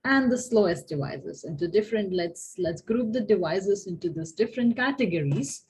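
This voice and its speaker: A woman's voice: medium pitch, a little hiss or hum, poor audio. A woman professor giving a university lecture, asking her listeners questions and often restarting her phrases.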